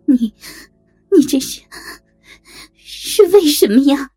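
A woman voicing a distraught middle-aged mother who cries out in shrill outbursts. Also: lively intonation, slow pace, mellow, faint music behind. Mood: trembling grief.

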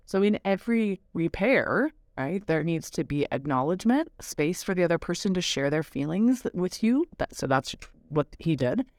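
A woman's voice: on the low side, expressive, normal speed, few pauses, a little mellow, dry recording, studio quality. A woman hosting a parenting podcast, telling a personal story in a candid, reflective, casual way.

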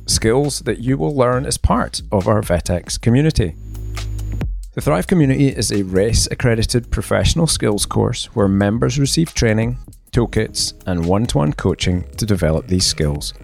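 A podcast host reads a sponsor message in a steady, measured way. His voice is low and gravelly. Faint music plays under him. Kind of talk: scripted ad read.

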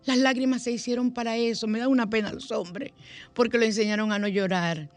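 Mujer caribeña animada, locutora de radio. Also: female voice, on the high side, fairly quick. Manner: lively, animated storytelling with playful voices. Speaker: radio host and counselor. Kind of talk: radio talk and advice. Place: radio studio.

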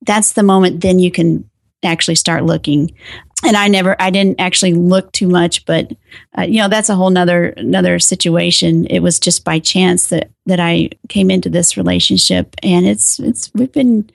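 Middle-aged woman, gravelly voice, emphatic, dry close sound. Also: normal speed, dry recording. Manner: animated, emphatic, rises sharply in pitch when stressing points. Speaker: guest. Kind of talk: personal interview.

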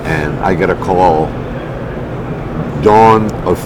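Man, seventies, low voice, wry veteran storyteller in casual interview, noisy surroundings. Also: slow. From Cuba. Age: 70s. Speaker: veteran cigar maker. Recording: clear ambient background noise.

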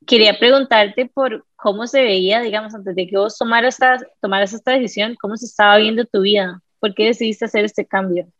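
A woman hosting a podcast, introducing her guest and asking questions in a conversational, measured way. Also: medium pitch, fairly even intonation, fairly bright tone, dry recording. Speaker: podcast host. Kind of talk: interview host questions. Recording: slightly dull, dry audio.

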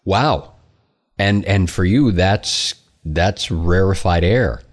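A man's voice: deep voice, slow pace. A man hosting a podcast, asking curious and wry questions in a casual interview. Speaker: podcast host.

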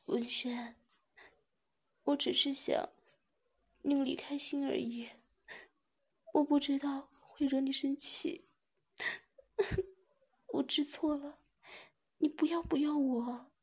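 A woman voicing a tearful young woman begging forgiveness, in a whispered role-play with a soft, high, breathy pleading voice. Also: fairly even intonation, slow, pauses often.

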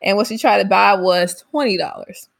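A woman's voice: medium pitch, normal speed, creaky. A woman co-hosting a casual parenting podcast, who laughs often while she talks. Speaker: co-host.

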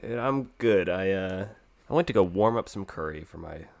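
Deep, creaky-voiced man chatting casually. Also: expressive, normal speed, a little mellow. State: getting over a cold. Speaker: podcast co-host. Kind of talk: casual chat.

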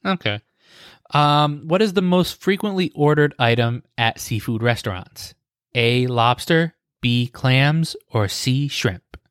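A man's voice: mid-range voice, expressive, takes it slowly, a bit bright, clean tone, no room sound, studio quality. A man hosting a podcast, reading food quiz questions in a game-show manner and often laughing. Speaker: podcast host, quizmaster.

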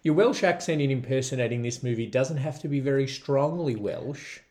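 Guy hosting a movie podcast, joking around, laughs a lot, mid pitch. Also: moderate pace, a little mellow. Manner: playful, laughs often, jokingly tries out accents. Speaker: podcast host. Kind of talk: casual chat, movie review podcast.

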